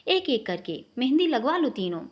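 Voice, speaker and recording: A woman's voice: high voice, very animated, normal speed. A woman voicing a strict, watchful middle-aged mother who speaks firmly.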